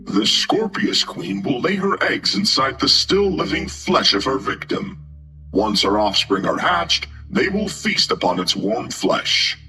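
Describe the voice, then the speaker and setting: A man's voice: medium pitch, very animated, unhurried. A man voicing a mechanical alien zoo guide drone, formal and condescending, with music behind. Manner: formal, detached, sneering. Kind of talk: horror audio story.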